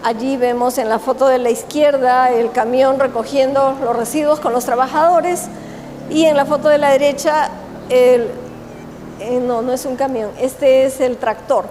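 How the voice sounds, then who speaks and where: A woman giving a conference presentation, explaining in a measured way with pauses and self-corrections. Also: high voice, fairly even intonation, darkish tone, slight background noise. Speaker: conference speaker. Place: conference hall. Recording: long hall reverb, faint ambience.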